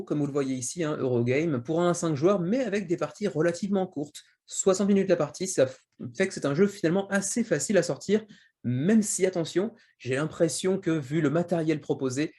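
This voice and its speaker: A man's voice: fairly high pitch, warm tone. Man rambling through a board game review. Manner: rambling, full of fillers and restarts. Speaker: board game channel host. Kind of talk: casual video review narration. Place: home in Japan.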